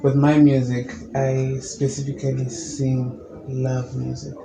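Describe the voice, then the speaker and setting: A young male musician, interviewed as a guest, speaks in a low, gravelly voice with an even, flat tone. He answers calmly and in measured fashion, explaining at length, while the room echoes and a steady noise hums behind him.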